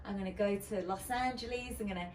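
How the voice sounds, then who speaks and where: This woman from the United Kingdom, a DJ, talks fast in a mid-range voice during a relaxed podcast interview. She's candid and chatty, restarting often and filling pauses, while the distant mic picks up a roomy sound and slight noise.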